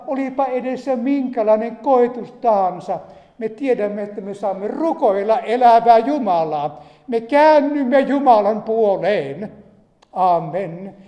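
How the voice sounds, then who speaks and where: Male preacher telling bible story, highish warm voice, lots of room echo. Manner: storytelling with emphatic rises, restarts and asides. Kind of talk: sermon, retelling a Bible story. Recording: echoey hall reverb.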